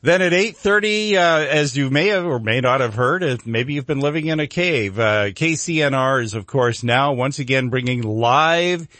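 A man's voice: medium pitch, lively intonation, normal speed, few pauses, fairly bright tone, dry recording. An American man hosting local morning radio in a folksy, rambling, unscripted way. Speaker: local radio show host.

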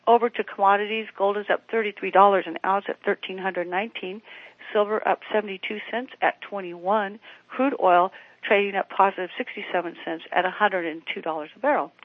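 A woman's voice: medium pitch, fairly even intonation, brisk, no room sound. A woman financial advisor reading stock prices in a scripted market report over a telephone line. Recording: narrow-band phone line.

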